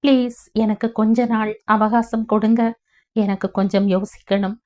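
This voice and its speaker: A woman's voice: mid-range voice, fairly even intonation, moderate pace, darkish tone, highs cut off, lightly acted. A woman reading the part of a worried young mother who anxiously comforts an older woman.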